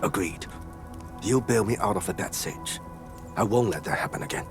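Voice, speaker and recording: An actor playing a gruff, blunt man in a game. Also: lowish voice, lively intonation, moderate pace. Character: gruff man, grateful loyal survivor. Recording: game audio with music.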